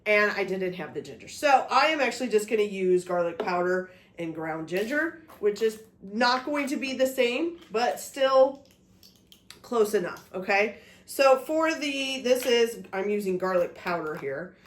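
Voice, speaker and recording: A chatty woman hosts a casual cooking demonstration in her home kitchen, talking through every step and often checking in with "okay?" She's recovering from a cold, so her voice sounds a bit off, though it stays mid-range, expressive and unhurried. The kitchen is echoey, with slight background noise.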